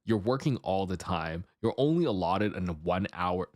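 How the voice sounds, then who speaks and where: Animated male streamer, dry close sound. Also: normal speed, no echo. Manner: excitable, jumpy exclamations sliding into low asides. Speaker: livestreamer and host. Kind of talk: casual livestream chat and reaction commentary.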